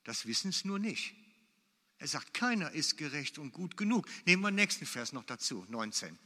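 Preacher, male: bright forceful delivery, slightly high voice, repeats his points, booming hall. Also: very animated, moderate pace. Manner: emphatic, repeats key phrases. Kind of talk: sermon. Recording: long hall reverb.

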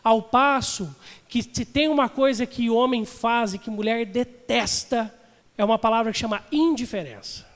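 A man's voice: extremely high pitch, normal speed. A man preaching a sermon as a pastor, chatting with his congregation and asking them questions. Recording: long hall reverb.

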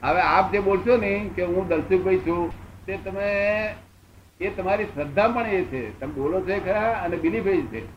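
A man in his seventies answering questions as a spiritual teacher, unhurried and repeating phrases for emphasis. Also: high voice, muffled recording, a little hiss or hum. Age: 70s.

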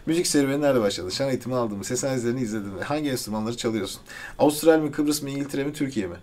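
A man's voice: mid-range voice, racing, darkish tone. A man hosting an interview, reading out questions in a playful, joking way. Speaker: interviewer, host. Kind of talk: casual interview. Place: studio.

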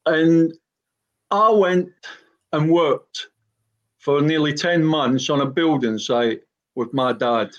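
A man's voice: fairly high pitch, slow, pauses often, dull audio. An older man from Glasgow with a broad Scottish accent, a former footballer talking bluntly about his life as a podcast guest. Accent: broad Glaswegian Scottish. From Glasgow, Scotland. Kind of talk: personal reminiscence on a panel talk.

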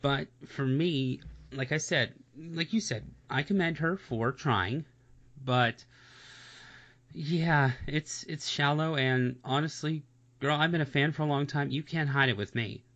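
A man's voice: a little high, a little slow, fairly bright tone. A man in a casual reaction chat, talking bluntly and swearing, often repeating "seriously" and "honestly.". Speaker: music reaction co-host. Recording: dull lo-fi sound.

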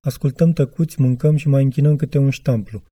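A male reader narrating a literary audiobook in a measured, reflective manner. His voice is very dark and mellow. It is recorded close and dry. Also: medium pitch, fairly even intonation, slightly rough, no echo.

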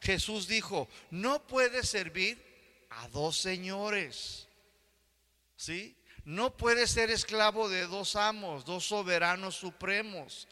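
A man's voice: high-pitched, bright, forceful tone, big-room sound. An older man preaching a sermon as pastor, often checking that the congregation is following along. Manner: asks the congregation for agreement.

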